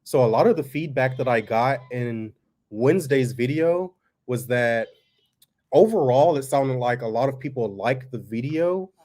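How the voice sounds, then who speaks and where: A man hosts a family farm vlog, chatting casually with viewers in a laid-back, folksy way. His mid-range voice stays monotone and his pace is unhurried.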